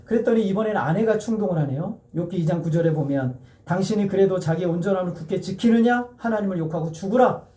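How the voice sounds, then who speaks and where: A male pastor preaching a conversational sermon, asking the congregation questions and slowing down to read scripture with them. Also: high voice, warm tone. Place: church sanctuary. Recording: echoey church hall, mic a bit distant.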